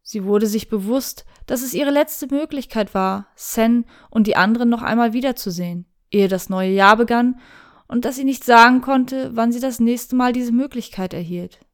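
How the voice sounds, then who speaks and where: A woman narrating a story aloud in a steady, even storytelling way. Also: a little high, moderate pace. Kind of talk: reading fan fiction aloud.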